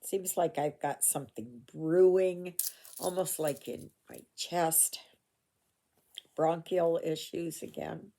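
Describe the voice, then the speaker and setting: Stitching at home while a phone camera records, an older Canadian cross-stitch vlogger chats in a rambling way, full of asides and fillers. Her voice sits low and is gravelly yet mellow, and she speaks at a slow pace.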